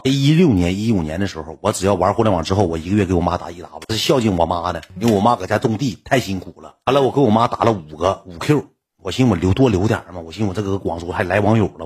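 A man with a Northeastern Chinese accent tells his story to viewers in a blunt, colloquial manner. His voice is low and very husky. He talks at a rapid clip. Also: a little mellow. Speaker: livestreamer telling his own story.

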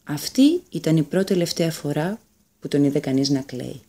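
A woman narrating a fairy tale in a calm, measured storytelling manner. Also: deep voice.

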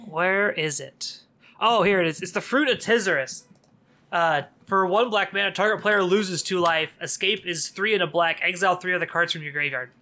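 A man with a bright, forceful voice talks casually on a podcast, pitched a little higher than most men. He leans into sarcasm and laughs often. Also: fairly quick. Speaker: podcast co-host. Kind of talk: casual card game chat.

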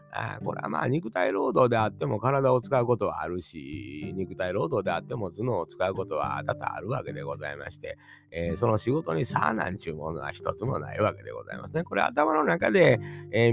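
A man with a Kansai accent hosting a solo podcast, musing in a folksy way that mixes formal endings with dialect and long drawn-out fillers. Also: on the low side, gravelly. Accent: Kansai Japanese. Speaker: podcast host. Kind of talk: rambling solo podcast monologue.

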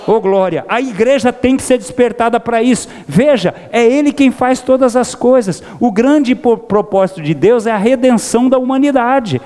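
Brazilian male pastor, high voice, fervent sermon, reverberant church hall. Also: normal speed, few pauses, a little mellow. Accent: Brazilian Portuguese. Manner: preacherly, calls out to the congregation.

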